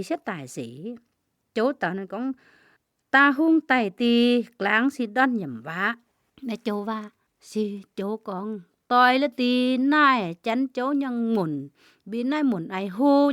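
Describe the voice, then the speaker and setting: A woman's voice: mid-range voice, dry recording. Woman preaching in rhythmic repeated phrases. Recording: dull, dry lo-fi recording.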